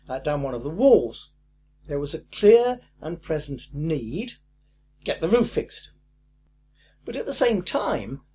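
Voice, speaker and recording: An older man teaching a recorded course lesson in a lively, emphatic way with a husky voice. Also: fairly high pitch. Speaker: course instructor.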